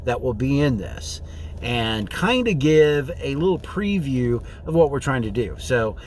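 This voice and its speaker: Recorded on a phone inside a car, a male vlogger rambles casually and thinks aloud. His mid-range voice is sing-song and slightly mellow, moving at a measured pace, with a little hiss or hum and faint vehicle sounds in the background.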